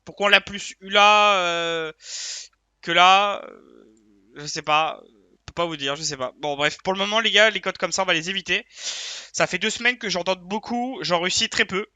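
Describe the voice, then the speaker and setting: A man with a high voice and a very bright, piercing edge talks through a casual video debrief of his betting tips. He rambles and hesitates, stacking fillers and second-guessing himself in a frustrated tone. The sound is dry and close, with no room around it. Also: no echo. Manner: frustrated and self-questioning. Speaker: sports betting tipster.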